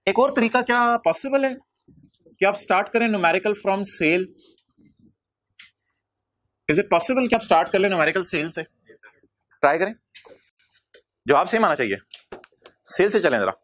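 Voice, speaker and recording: A male accounting lecturer, teaching a class by firing quick questions at the students and answering them himself. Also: sits high, expressive, fairly bright tone.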